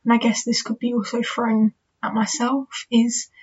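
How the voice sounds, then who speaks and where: Young woman host, casual reflective solo talk, slightly high husky voice, muffled recording. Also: little pitch movement, moderate pace, darkish tone. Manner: chatty, candid, reflective, with fillers like "you know" and "kind of". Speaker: podcast host. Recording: dull lo-fi recording.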